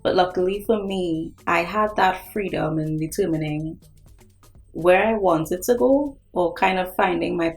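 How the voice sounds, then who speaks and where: A woman's voice: fairly low pitch, low-quality recording. A young woman from Trinidad and Tobago, an artist hosting her own vlog and speaking earnestly and directly to her viewers. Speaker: artist and channel host. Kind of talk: vlog talk to camera.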